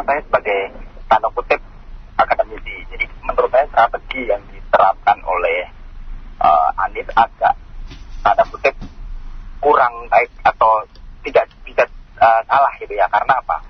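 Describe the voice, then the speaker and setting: A man's voice: mid-range voice, lo-fi sound, slight background noise. A male radio caller giving his opinion, hesitant and full of fillers. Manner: hesitant, many fillers and pauses. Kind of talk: phone-in commentary.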